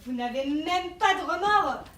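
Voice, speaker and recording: Casting: actress as principled young woman in a stage play, very high voice, challenging and reproachful, echoey. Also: expressive, a little slow, a bit bright. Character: reproachful, questioning young woman of moral conscience. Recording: echoey stage, distant microphone.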